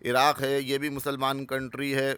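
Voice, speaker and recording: A man's voice: medium pitch, monotone, bright, forceful tone, clear, resonant tone, dry recording. A man from Pakistan gives an earnest, informal talk, naming items one after another with short comments and urging his listeners. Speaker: religious channel host.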